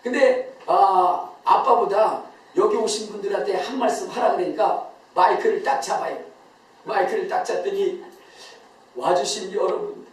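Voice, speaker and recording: Male pastor preaching in a booming, echoey church. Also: distant mic, slight background noise. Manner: emphatic, quizzes the congregation, often laughing as he speaks. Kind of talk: Sunday sermon. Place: church sanctuary.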